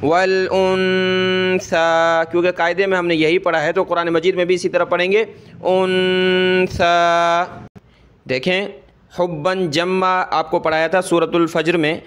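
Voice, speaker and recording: A man with a Pakistani Urdu accent teaching Quran reading, drawing out each syllable slowly and explaining rules quickly in between. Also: sits high, flat delivery, a bit bright. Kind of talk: spelling-out recitation lesson.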